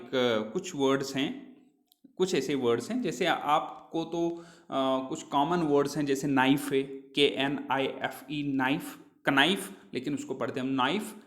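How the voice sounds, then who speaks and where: A male English teacher, giving a classroom pronunciation lesson, asking his own questions and repeating words slowly. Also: on the high side. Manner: speaks Hindi mixed with English words.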